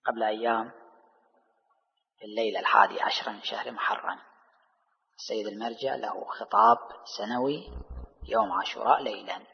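A man preaching a religious sermon, asking rhetorical questions and answering them himself, his voice rising and falling between soft and loud. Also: fairly low pitch, steady tone, brisk, vocal fry, long pauses. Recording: dull hall recording with long reverb.

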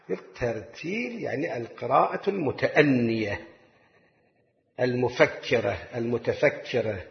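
A man preaching a sermon, his voice sitting fairly high. He drawls out recited verses and rushes through casual asides. The recording is echoey and dull, with a lo-fi tone. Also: creaky. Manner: slows to recite scripture, quick asides in dialect. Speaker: cleric. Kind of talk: religious sermon.

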